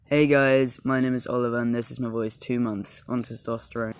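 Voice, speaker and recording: A man reading out a short scripted voice sample in a plain, even way. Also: mid-range voice, a little fast, clear, resonant tone. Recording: echoey room.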